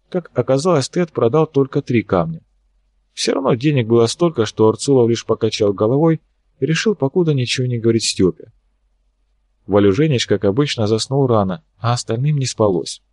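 A man reading an audiobook, narrating in an even, measured way. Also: medium pitch, no room sound. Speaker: audiobook reader.

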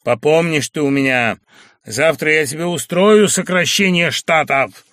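A man's voice: medium pitch, fairly even intonation, takes it slowly, sharp tone, smooth, no echo, clean studio sound. A man doing a surly, spiteful lout. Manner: snapping, spiteful. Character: coarse, surly young man, sullen and threatening.

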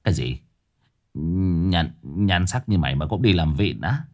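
A man voicing a gruff, impatient old male exorcist who talks curtly and bossily. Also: sits low, expressive, a little slow, a little mellow, voice pushed down. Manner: curt, bossy.

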